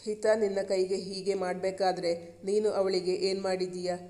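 A man voicing a gentle protective husband. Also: high voice, flat delivery, moderate pace, lightly acted. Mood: stern. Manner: soft, soothing and earnest. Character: caring protective young husband, gentle but firm.

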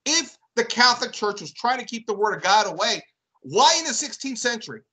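A man co-hosts a casual discussion on church history. His voice is bright and forceful. He works through his points aloud and often checks in with "right?". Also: very high voice, big pitch swings, a little fast, low-quality recording. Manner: thoughtful, builds questions with repeated "right?". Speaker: co-host.

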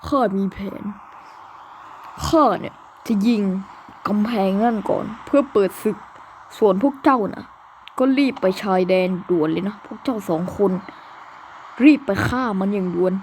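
A woman's voice: mid-range voice, animated, a little slow, long pauses, darkish tone, a little hiss or hum. A woman doing a bossy army commander. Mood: commanding. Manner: commanding, archaic pronouns. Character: bossy male army commander giving orders.

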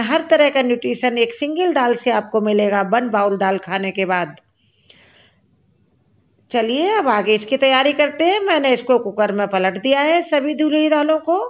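High-pitched lady walking you through a home recipe, chatty, kinda muffled lo-fi sound. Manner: chatty, step-by-step explaining. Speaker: cooking channel host. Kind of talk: home cooking voice-over. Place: home kitchen.

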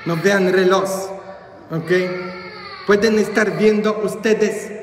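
A man's voice: high-pitched, fairly even intonation, slow, slight background noise. A male priest preaching at a church retreat, joking and teasing the congregation as he talks. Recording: echoey church from far off.

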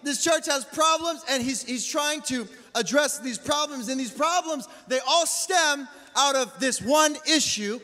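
High-voiced pastor preaching in a big hall. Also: male voice, a little slow, few pauses. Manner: animated, slangy, call-and-response with the crowd. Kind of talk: energetic sermon. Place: large church stage, indoors. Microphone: handheld mic. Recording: reverberant hall.

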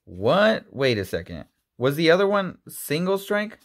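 A man in his thirties chatting casually as he opens trading card packs, rambling with many ums and restarts, his voice jumping high when surprised. He talks from an indoor room on a webcam and desk mic. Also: sing-song, unhurried, gravelly. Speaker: YouTuber opening card packs. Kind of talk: casual card-opening vlog.

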